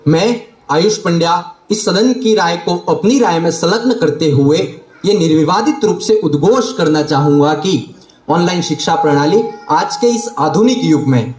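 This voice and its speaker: A man's voice: fairly high pitch, expressive, normal speed, a little mellow. A young man in his late teens, a student debater giving a formal speech, declaiming and repeating phrases for emphasis. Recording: roomy echo.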